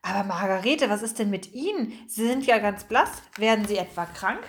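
A woman's voice: medium pitch, expressive, moderate pace, natural voice. A woman voicing a stern, firm old woman who owns a shop. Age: older.

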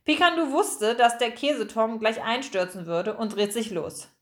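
A woman narrating a children's audiobook, expressive and slowing down for suspense. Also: on the high side.

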